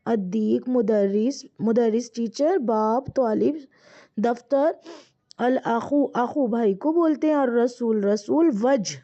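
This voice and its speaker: A woman teaching an Arabic reader lesson, reading each word slowly and drawn out, then explaining it quickly. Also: on the high side, dark tone, dull audio. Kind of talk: explaining a language textbook lesson.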